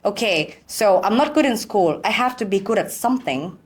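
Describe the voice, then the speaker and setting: A Thai woman whose first languages are Thai and German speaks as a podcast guest in a candid conversation. Her medium-pitched voice is expressive and moves at a moderate pace, and she talks in simple non-native English that is emphatic and encouraging.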